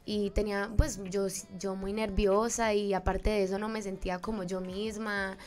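A woman's voice: mid-range voice, little pitch movement, moderate pace, a little mellow, soft background music. Friendly Colombian woman in her twenties. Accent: Colombian Paisa. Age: 20s. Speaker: singer, guest. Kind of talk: interview. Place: small studio, indoors. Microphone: studio mic on a stand.

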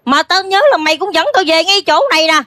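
A woman's voice: extremely high pitch, steady tone, quick pace, sharp tone. A woman playing a worried elderly country mother with a Southern Vietnamese accent, in cải lương stage acting with fretful, pleading speech. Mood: tender. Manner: fretful, pleading, bursts into wailing cries. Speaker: contestant performer. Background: music.

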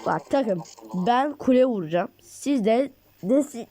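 A woman giving casual gameplay commentary, getting excitable and cursing at her teammates. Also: on the high side, a little slow, faint music behind. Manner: excitable, rants and curses at teammates. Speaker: gaming channel host.

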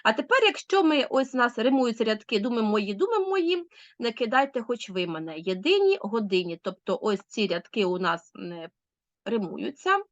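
A Ukrainian-accented woman teaching a literature lesson, her pitch rising and falling in a lively, teacherly way. The recording is dry and close, with a slightly dull, lo-fi sound. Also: normal speed, no room sound. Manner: lively teacherly, with many diminutives. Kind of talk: school lesson explanation.

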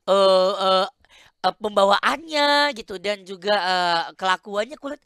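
High, gravelly man joking around. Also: lively intonation, unhurried, a bit bright, no echo, studio quality. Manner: playful, joking. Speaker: guest. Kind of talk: casual chat.

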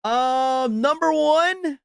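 A man's voice: extremely high pitch, drawn-out words, gravelly, dry recording, clean studio sound. A man live-streaming, reacting in an exasperated, ranting way and thanking subscribers as he talks to his viewers.

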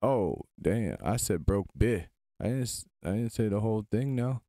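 A man's voice: on the low side, animated, moderate pace, dark tone, no echo. A man hosting a screen-recorded tutorial, chatting informally as he gives step-by-step instructions into a close mic. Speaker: tutorial host.

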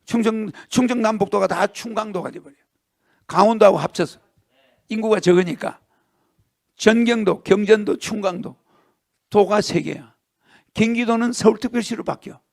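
An older man with a gravelly, creaky voice and a fairly high pitch for a man. He gives a lecture-style talk, reading a column aloud and stopping often to comment. He keeps throwing emphatic rhetorical questions at his audience. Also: moderate pace, long pauses, darkish tone.

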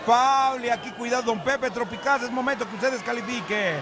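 A man with a Mexican accent, a wrestling commentator calling lucha libre live, emphatic and repeating his phrases excitedly. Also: very high-pitched, a little fast. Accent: Mexican Spanish. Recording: loud arena crowd behind commentary. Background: cheering arena crowd.

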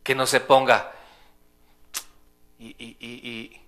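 A man's voice: mid-range voice, flat delivery, slow, a bit bright, faint music behind. A man preaching a sermon as pastor in a church. He speaks emphatically, repeating his points and firing off rhetorical questions. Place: church sanctuary.

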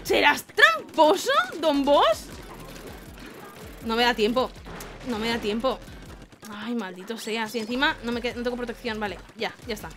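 A woman from giving excitable let's-play commentary, shrieking and laughing as she plays. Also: on the high side. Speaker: gaming YouTuber. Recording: game music loud under the voice. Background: game music.

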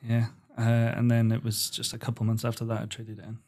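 A young man talks through his stories at an easy, unhurried pace. His voice sits at an ordinary middle pitch. He sounds calm and untroubled as he chats as a podcast guest. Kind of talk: casual chat.

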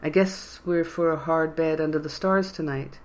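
A storyteller voicing a nervous young woman who talks hushed and under her breath. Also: mid-range voice, steady tone, moderate pace, natural voice. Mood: anxious. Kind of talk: audiobook character voice.

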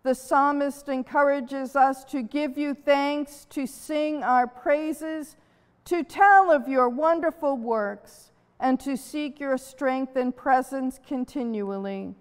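High-voiced woman praying in a church. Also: slow. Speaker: worship leader. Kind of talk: leading prayer and scripture reading. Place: church sanctuary. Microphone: far camera at pulpit. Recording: reverberant church from afar.

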